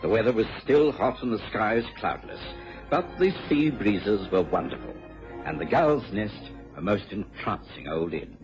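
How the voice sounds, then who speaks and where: An actor playing a genial, kindly English gentleman doctor in a radio drama, hearty and courteous. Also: lowish voice, animated, unhurried, music in the background. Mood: cheerful. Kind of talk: British radio drama acting and narration. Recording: dull old BBC radio recording.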